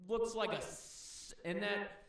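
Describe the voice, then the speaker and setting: A touchy rattlesnake barks threats in a squeaky, strained shout, as a man puts him on. The voice rings around a bare, echoey room. It sits a good way back from the mic. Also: steady tone, slow pace, far from the mic. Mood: angry threatening. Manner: shouted threats, high and loud.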